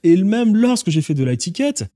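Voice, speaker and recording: A man's voice: sits high, big pitch swings, moderate pace, dark tone, no room sound, clean studio sound. A man coaching viewers on online sales, talking emphatically and asking rhetorical questions straight at them. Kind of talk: instructional talk to camera.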